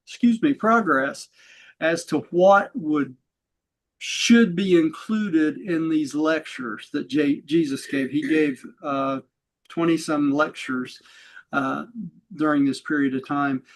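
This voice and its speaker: A man's voice: on the high side, takes it slowly. A man leading a study-group class, talking casually and rambling as he explains a reading, with fillers and self-corrections and his distance from the mic shifting. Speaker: host and teacher. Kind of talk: conversational study-group teaching.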